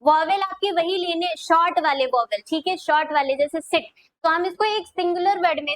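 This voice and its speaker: Woman, high-pitched, grammar teacher, question-and-answer style, slow dictation. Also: fairly bright tone, no room sound, rough recording. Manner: repeats questions back to students, drawn-out dictation. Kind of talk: classroom video lesson.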